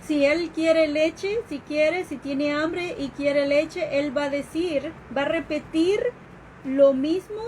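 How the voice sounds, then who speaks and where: A woman educator with a high voice lectures at an unhurried pace during a live stream. She explains patiently, pausing on fillers and restarting her sentences. A faint hiss of background noise runs under her voice. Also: fairly even intonation, a little mellow, rough recording. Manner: explanatory, with fillers and restarts, acts out quoted questions. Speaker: educator giving a talk.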